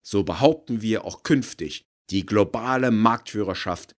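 A man's voice: lowish voice, unhurried, voice pushed up, lightly acted. A man reading a cool, smug car boss. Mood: dismissive. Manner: cool, dismissive.

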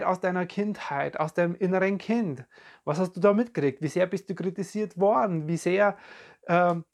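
Speaking straight to the listener, a podcast coach gives a calm, reflective self-help talk at a medium pitch, often searching for words and repeating phrases. It's captured on a podcast and video recording mic.

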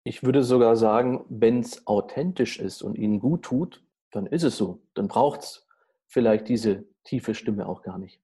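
A male interviewer asks his guest polite, formal questions. His voice is mellow and dark, with a slightly husky edge. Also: medium pitch, unhurried.

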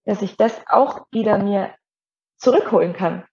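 A woman shares her own story in a soft, reflective way, stopping now and then to find the right words. Her voice has a steady, gravelly fry running through it. The recording sounds somewhat muffled and lo-fi. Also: medium pitch, measured pace, background noise. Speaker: guest. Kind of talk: personal storytelling in a podcast conversation.

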